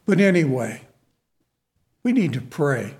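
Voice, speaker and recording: A man's voice: fairly high pitch, very animated, unhurried, darkish tone. A man preaching and telling a story in a folksy, earnest way, often repeating his words and calling for an amen. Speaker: preacher and prison minister. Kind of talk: storytelling sermon.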